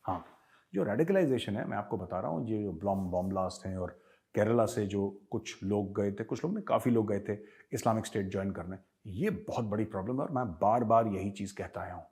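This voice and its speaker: A man's voice: fairly low pitch, fairly quick, a little mellow. Emphatic Indian man hosting a Q&A. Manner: emphatic, switches between Hindi and English, says "yaar". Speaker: host answering viewer questions. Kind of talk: casual commentary Q&A.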